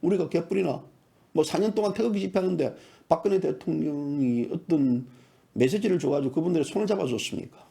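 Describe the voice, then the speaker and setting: Fiery, gravelly man firing rhetorical questions. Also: on the high side, quick pace, warm tone. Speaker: independent journalist and online commentator. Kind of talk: heated political commentary monologue.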